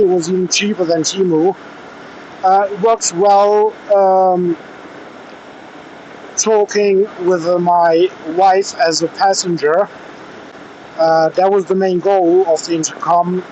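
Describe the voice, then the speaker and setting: On a casual riding vlog, a motorcycle vlogger testing gear speaks slowly and hesitantly, with pauses, in a slightly high, mellow and steady voice. He is outdoors in traffic, and his helmet intercom mic gives a muffled recording with faint vehicle noise behind him.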